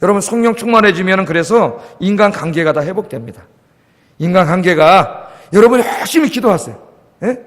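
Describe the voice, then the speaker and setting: A man's voice: high-pitched, animated, fairly quick, a bit bright. A pastor in his fifties preaching a sermon with emphasis, often asking his congregation questions. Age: 50s. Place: church sanctuary. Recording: long church hall reverb.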